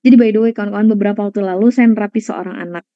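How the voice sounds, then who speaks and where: A woman's voice: mid-range voice, steady tone, racing, no echo. A woman counselor giving an online parenting lecture over a video call, speaking conversationally to her listeners and slipping in English words. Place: indoors at home during a power cut. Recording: dull, lo-fi video-call audio.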